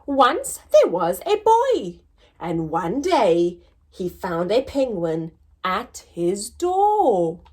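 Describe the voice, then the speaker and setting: A story time host reads a picture book to young children in a mid-range voice. She sounds expressive and measured, elongating her words as she goes.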